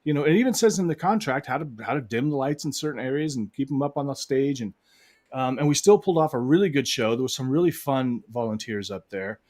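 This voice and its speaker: A man's voice: medium pitch, expressive, fast talker, a little mellow. A man co-hosting a live online hypnosis show, chatting casually with lots of restarts and fillers over a video call. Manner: rambling, many restarts and fillers. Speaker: hypnotist co-host. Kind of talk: casual live-stream chat.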